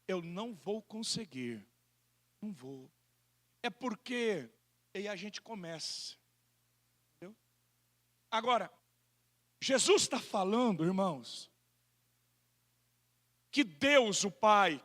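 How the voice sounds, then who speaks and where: A Brazilian pastor preaching an animated sermon, acting out people's excuses in quoted voices. His voice sits unusually high and sounds bright and forceful. He delivers it with a Brazilian Portuguese accent.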